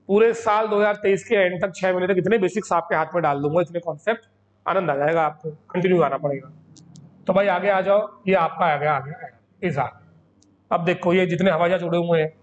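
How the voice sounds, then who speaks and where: A man's voice: high voice, lo-fi sound. A man teaching English grammar in a coaching lecture, chatty and scolding as he acts out his students.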